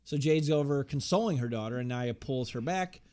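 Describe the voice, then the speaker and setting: A man's voice: medium pitch, normal speed, mellow. Man recapping wrestling, sarcastic and loose. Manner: loose play-by-play recap, frequent fillers, sarcastic asides. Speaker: podcast co-host recapping wrestling. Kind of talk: casual comedic chat.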